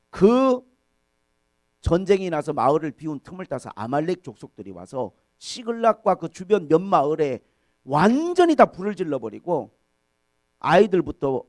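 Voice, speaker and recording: Expressive high-voiced male pastor preaching. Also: no room sound. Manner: expressive preaching, voice rising sharply on emphasis. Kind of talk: sermon. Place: church.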